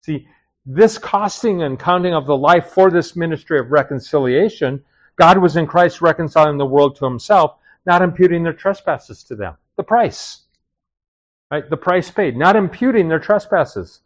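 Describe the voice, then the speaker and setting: A middle-aged male pastor delivering a sermon. His voice sits a little higher than most men's, and he preaches in a conversational way, often tossing out quick questions to his listeners. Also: animated. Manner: conversational preaching with frequent "right?" asides.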